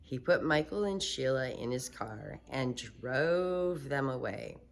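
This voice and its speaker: Sweet old lady reading a storybook, unhurried. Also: a bass voice, lively intonation. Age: older. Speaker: storyteller reading a children's book aloud. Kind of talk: storybook read-aloud.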